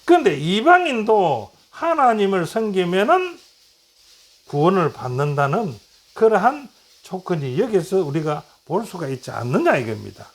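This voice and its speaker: A man's voice: high voice, very animated, moderate pace. A middle-aged man teaching a Bible lesson, retelling stories and acting out quoted lines, asking and answering his own questions.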